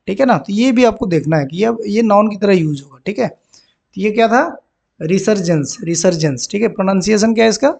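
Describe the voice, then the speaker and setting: Male exam-prep tutor, Indian accent, higher pitch, patient step-by-step explanations. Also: darkish tone. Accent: Indian English. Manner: explains step by step, often asks "ठीक है ना"; reads example sentences slowly and deliberately. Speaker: English vocabulary teacher. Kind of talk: bilingual exam-prep lesson.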